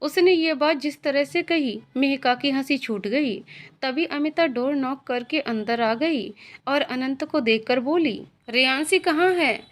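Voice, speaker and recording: A woman's voice: high voice, unhurried. A woman narrating a story and speaking directly to her listeners.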